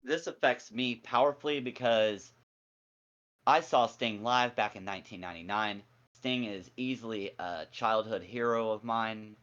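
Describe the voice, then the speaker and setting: A man in his forties co-hosting a casual wrestling review, excitable and jokey with a lot of slang. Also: fairly low pitch, unhurried, dull audio. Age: 40s. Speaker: co-host.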